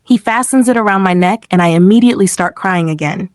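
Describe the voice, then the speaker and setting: A woman narrating a first-person love story in a plain, steady reading voice. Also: mid-range voice, fast, dry recording, clean studio sound.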